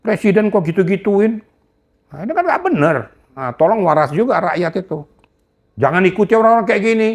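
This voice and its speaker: A man's voice: sits high, very animated, fairly quick. Older male interview guest, indignant and emphatic, lecturing tone. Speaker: retired police general, guest. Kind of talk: heated interview talk.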